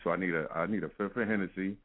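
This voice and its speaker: A man with a low voice talks rapid-fire on a telephone call, appearing as a music artist guest. He's relaxed and casual, laughs a lot, and leans on fillers such as "you know what I'm saying."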